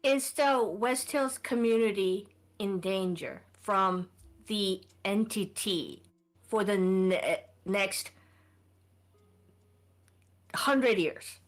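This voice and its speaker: A woman's voice: mid-range voice, drawn-out words, pauses often. A woman playing in a tabletop game, polite and hesitant, with many fillers. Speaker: player. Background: faint background music.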